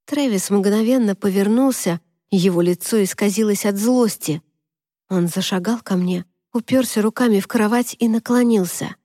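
A woman narrates a first-person audiobook in a steady, measured way. Her voice is warm and dark, recorded close on a mic in a dead, dry room with no reverb. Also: medium pitch.

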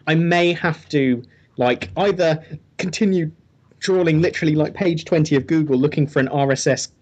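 A man's voice: medium pitch, darkish tone, slightly rough, highs cut off. A man co-hosting a podcast in casual chat, with wry, self-deprecating humor. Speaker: podcast co-host.

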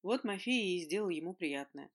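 A man's voice: high voice, expressive, normal speed, a bit bright, heavily acted. A reader voicing an easygoing, chatty young man who explains things at length.

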